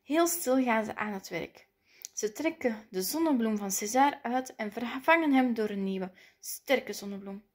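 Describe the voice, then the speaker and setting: A woman reading a children's picture book aloud, lively and playful. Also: a little high, a little slow. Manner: lively, playful voices for the characters. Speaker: storybook reader.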